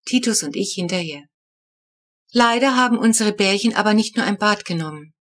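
A woman narrating a children's audiobook in the first person, with a lively, wry telling. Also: medium pitch, moderate pace.

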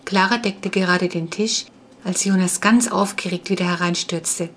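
A woman narrating a children's story in calm, even audiobook style. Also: on the low side, normal speed, a little hiss or hum.

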